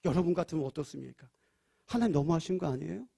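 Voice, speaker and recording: A male pastor preaching a sermon at a church prayer service. He asks the congregation questions and swings between loud, emphatic lines and soft, hushed ones. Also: a little high, expressive, fast talker, vocal fry, husky.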